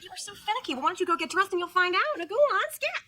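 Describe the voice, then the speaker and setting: A woman's voice: sits high, lively intonation, fast talker, fairly bright tone. An actress playing an earnest single woman who dotes on her late cat and talks in a gushing way. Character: cat-loving single woman named Linda. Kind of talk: sitcom acting. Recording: TV audio with background noise.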